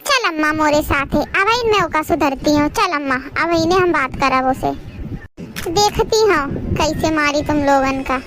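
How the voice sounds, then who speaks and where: Woman voicing a bossy, protective daughter, cartoon, very high-pitched. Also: lively intonation, moderate pace, a bit bright, a little hiss or hum. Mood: defiant. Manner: brash, scolding. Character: bold married daughter, protective, boastful.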